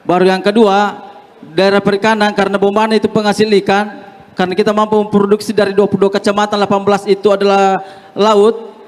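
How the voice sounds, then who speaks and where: A man's voice: sits high, completely flat delivery, quick pace, long reverb tail. A man from Southeast Sulawesi, a regional representative, stating his points directly one by one. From Southeast Sulawesi, Indonesia.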